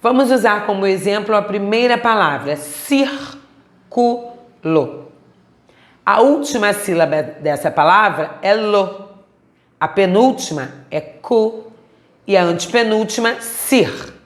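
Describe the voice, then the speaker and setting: A woman teacher with a Brazilian Portuguese accent giving a recorded class, speaking slowly and stretching out words to show their syllables. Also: medium pitch. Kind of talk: recorded remote class lesson. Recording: echoey room.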